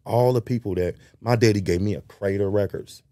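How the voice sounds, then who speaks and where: A man, a bass player and guest, telling stories in an animated casual way and scatting bass lines. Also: a little fast, no room sound. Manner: animated storyteller, scats bass lines, says "bro" and "man" often. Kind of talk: casual conversation, storytelling.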